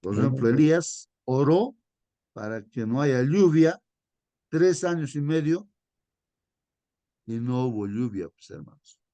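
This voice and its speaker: A man teaching a Bible lesson to his congregation, chatting his way through the story rather than preaching it. He keeps calling them brothers, ends many phrases with a questioning "right?", and reads the scripture slowly. His voice sits at a middling pitch and sounds close and dry, with no room around it. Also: lively intonation, mellow, no room sound. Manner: repeats "hermanos" and "¿no?" constantly, reads verses slowly and deliberately. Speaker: Sabbath school lesson leader.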